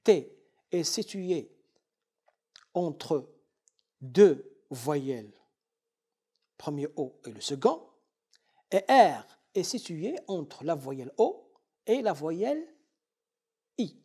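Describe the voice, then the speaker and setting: A man teaching as a university professor in a lecture, speaking deliberately and spelling out syllables and examples again and again. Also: on the high side, sing-song, mellow, breathy edge.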